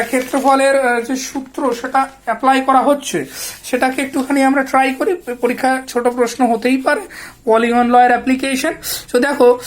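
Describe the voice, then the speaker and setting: Woman, West Bengal Bengali accent, math lesson, patient explaining, rhetorical check-ins, English terms mixed in. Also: on the high side. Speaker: teacher.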